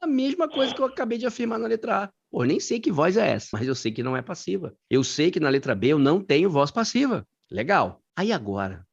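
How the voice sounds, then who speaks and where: A man with a Brazilian Portuguese accent teaching grammar in a live online class, slangy and lively, calling on students by name. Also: high voice, fast talker, vocal fry, few pauses, breathy edge, dull audio.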